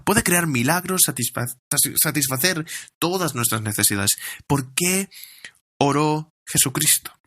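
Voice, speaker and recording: A man's voice: on the high side, a bit bright. A man preaching a sermon as pastor, earnestly drawing out scripture lines and repeating phrases as he builds each point.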